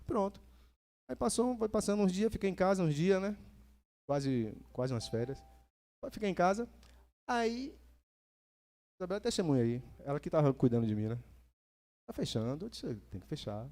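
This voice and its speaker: A man from Brazil preaching a sermon in a church, lively, repeating phrases for emphasis and asking the congregation questions. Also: high-pitched, normal speed, long pauses.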